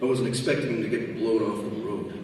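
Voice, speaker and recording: A man narrating an audiobook live at a convention, expressive and often laughing, recorded in a large hall from a distance. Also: lowish voice, brisk, slight background noise. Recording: roomy hall, distant mic.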